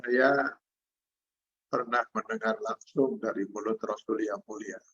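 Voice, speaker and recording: An older Islamic preacher with an Indonesian accent gives a sermon over a video call, reciting Arabic verses and then explaining them. His voice is lowish, steady, unhurried, husky and fairly bright, and the video call audio is dull and lo-fi.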